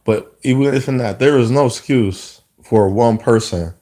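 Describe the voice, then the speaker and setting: This mid-thirties vlogger has a dark-toned voice of medium pitch and talks a little slowly. His casual monologue to camera wanders and reflects, and he keeps restarting his sentences.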